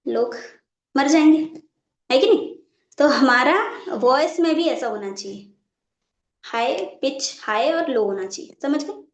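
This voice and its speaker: A high-voiced woman, a network marketing trainer, runs a live online training session at an unhurried pace. She keeps pausing to make sure her class is following and repeats her points. The room sounds echoey.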